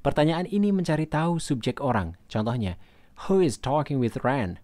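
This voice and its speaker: A man gives a recorded English grammar lesson, reading example questions slowly and carefully before translating each one. His voice sits at an ordinary middle pitch. The sound is dry and close, with no room around it. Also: big pitch swings, darkish tone, dry recording. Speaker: English teacher.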